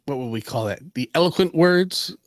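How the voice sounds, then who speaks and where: A man's voice: a little high, lively intonation, moderate pace, no room sound, studio quality. Wry, teasing male co-host. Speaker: podcast co-host. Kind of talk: casual chat.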